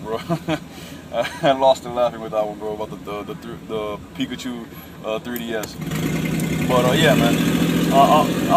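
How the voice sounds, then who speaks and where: A man in his late twenties ranting casually about gaming, calling everyone man and bro, with a lot of fillers. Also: medium pitch. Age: late 20s. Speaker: gaming vlogger. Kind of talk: casual rant to camera. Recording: distant mic with loud traffic and air conditioning. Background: vehicle and urban noise.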